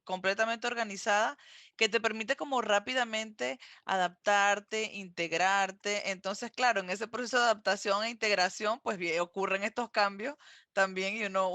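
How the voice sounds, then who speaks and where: Bright-voiced man, hesitant podcast talk. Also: sits high, fairly even intonation, moderate pace, no room sound, clean studio sound. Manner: hesitant, many fillers and repeated words. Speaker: podcast co-host, immigrant in Montreal. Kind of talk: casual podcast chat.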